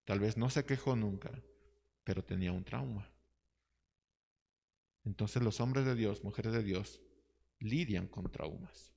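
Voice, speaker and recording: A man's voice: lowish voice, unhurried, creaky, long pauses, warm tone. Man teaching Bible class in a hall. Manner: reads scripture aloud and asks the class questions. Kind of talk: Bible study sermon. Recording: hall reverb.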